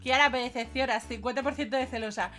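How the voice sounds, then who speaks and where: A woman with a Spain Spanish accent hosting a casual let's play, excitable and giggly, yelping playful barks. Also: a little high, fast. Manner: excitable, giggly, yelps "wow" as a dog. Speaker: gaming host.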